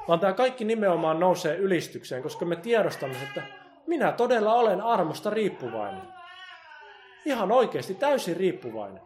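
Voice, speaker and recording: A man preaching with a voice pitched a little above most men's. He swings from loud, pressing emphasis to hushed, intense appeals. He voices God's words in the first person as he goes. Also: very animated, slight background noise. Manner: quotes God in first person. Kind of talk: sermon.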